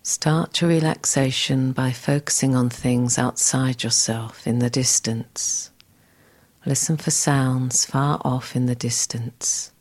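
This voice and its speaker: A woman guiding a scripted relaxation exercise in a soft, soothing, breathy, near-whispered voice. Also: extremely low pitch. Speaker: relaxation guide.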